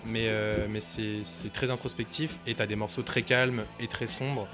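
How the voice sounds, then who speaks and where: A young man talking thoughtfully about music, pausing often to search for words. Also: on the low side, flat delivery. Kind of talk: casual chat about music.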